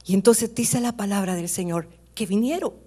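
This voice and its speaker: A middle-aged woman preaching a sermon, swinging between loud, high exclamations and hushed whispers as she tells stories. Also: normal speed, husky.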